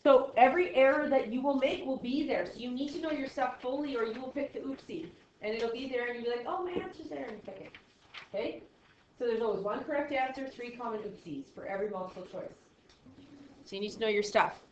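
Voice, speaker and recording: A woman in her forties runs a math class with a playful, teasing energy. Her voice sits a little high. The sound is echoey and lo-fi, with a faint hiss behind her. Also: fast. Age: 40s. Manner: lively, playful and teasing with students. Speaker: math teacher. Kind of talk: classroom lesson. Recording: echoey room, dull lo-fi sound, faint noise.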